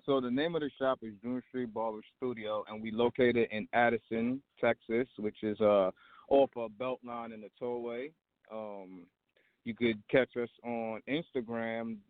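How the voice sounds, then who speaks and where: Relaxed man on a tinny phone line. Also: medium pitch, no room sound. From Trinidad. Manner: relaxed, rambling with many fillers. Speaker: barbershop owner, guest. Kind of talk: casual interview chat.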